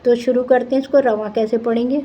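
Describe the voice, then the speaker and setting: A woman teaching Quran reading to children, spelling syllables out slowly and patiently between quick explanations. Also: a little high, steady tone. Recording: muffled lo-fi recording.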